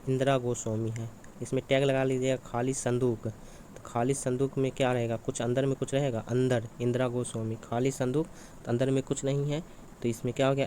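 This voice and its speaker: A man's voice: medium pitch, dark tone, slight background noise. A man teaching exam preparation, walking through questions and answers in a repetitive question-and-answer manner. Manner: repetitive, asks and answers his own questions.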